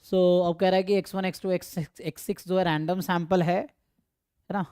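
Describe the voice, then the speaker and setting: A man with a high-sitting, level, dark and smooth voice teaches statistics at a moderate pace, recorded at studio quality with no echo. Walking students through exam problems, he explains step by step, mixes in English terms, and checks in often with "है ना".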